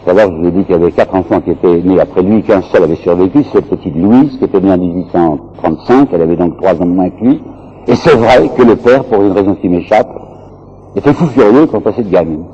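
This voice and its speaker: Man, lecturer, low voice, husky, storytelling delivery, lo-fi radio sound. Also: fast talker, mellow. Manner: storytelling, quoting texts aloud with emphasis. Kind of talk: public lecture on history. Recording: dull lo-fi radio recording.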